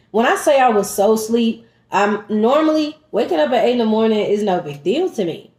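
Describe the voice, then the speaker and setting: A woman vlogger telling a story in casual chat, animated and emphatic, talking straight to her viewers as "y'all" while eating at home. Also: mid-range voice. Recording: roomy echoey room.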